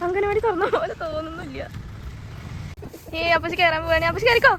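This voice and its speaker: A woman's voice: very high voice, fast, pushed and bright, a little hiss or hum. A woman vlogging her family day, talking to her small son in a coaxing sing-song way. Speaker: vlogger and mother. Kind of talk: casual family vlog talk.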